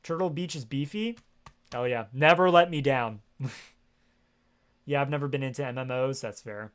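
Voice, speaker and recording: Chatting loosely through a gaming headset at home, this streamer rambles, swears often, and leans on fillers during his casual livestream. His voice is mid-range and clean, at a normal speed.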